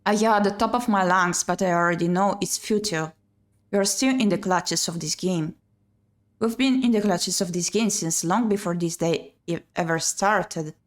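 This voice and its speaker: In a fairly low voice at normal speed, a woman streamer narrates a visual novel and offers casual commentary on the playthrough. Background noise is clearly audible in the recording.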